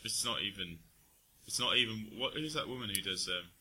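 A man's voice: on the low side, fairly quick, bright, forceful tone, husky. A man co-hosting a casual podcast, talking in a rambling, hesitant way with many fillers. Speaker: podcast co-host. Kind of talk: casual chat.

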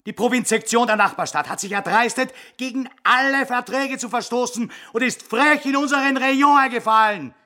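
Very high-pitched, indignant rabble-rousing crook. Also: male voice, normal speed, hardly any pauses, sharp tone. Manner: declamatory, rhetorical. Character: indignant pompous crook rallying his gang like an orator. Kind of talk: radio play acting.

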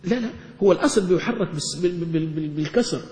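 A man leads a grammar class, asking question after question and answering them himself. His voice sits fairly high and carries through a roomy hall with a long echo. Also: expressive, racing, a little mellow. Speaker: Arabic grammar teacher. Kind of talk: classroom lesson explaining grammar. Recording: echoey hall recording.

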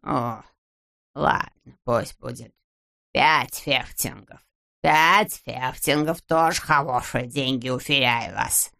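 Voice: mid-range voice, slow, creaky, pushed and bright, heavily acted. An audiobook reader voicing a stingy, grumbling rich man who lisps, saying F instead of R. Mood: grudging haggling. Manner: grumbling, haggling. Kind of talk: audiobook character voice.

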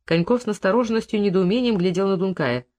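A narrator reading a novel aloud, with varied, expressive delivery. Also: medium pitch, quick pace. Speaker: audiobook narrator. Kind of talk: scripted narration.

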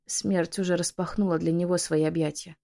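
A woman's voice: fairly low pitch, fairly even intonation, a little fast, creaky. Woman voicing Klaudia, a frantic young witch. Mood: ominous hush. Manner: frantic pleading, raised loud voice. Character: desperate pregnant young witch, frantic and tearful.

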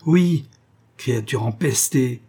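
A man's voice: mid-range voice, steady tone, moderate pace, breathy edge, voice pushed up, natural voice. A man reading aloud voices an enraged, bitter young man who hurls contempt at his beloved. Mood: furious. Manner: loud, contemptuous outbursts.

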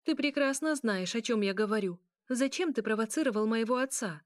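A woman voicing a fiery, exasperated young female vampire princess who shouts and pleads. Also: animated, a little slow, dry recording, clean studio sound. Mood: angry. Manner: shouting, pleading, high-strung.

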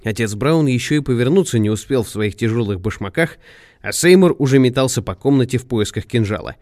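A man reading a detective story aloud in measured, expressive narration. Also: mid-range voice, no room sound, studio quality. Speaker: audiobook narrator. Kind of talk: scripted narration.

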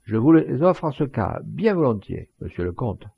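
Man reading as a gravelly, cheeky poacher. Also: mid-range voice, big pitch swings, normal speed, no echo, full character voice. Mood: sly. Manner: cheeky, shouted taunts. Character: crafty mocking male poacher, sly.

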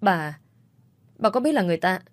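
A woman voicing a frightened young woman who pleads desperately, pitched above her narration, in a storybook reading. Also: big pitch swings, moderate pace, no room sound. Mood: pleading. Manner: pleading, higher than narration.

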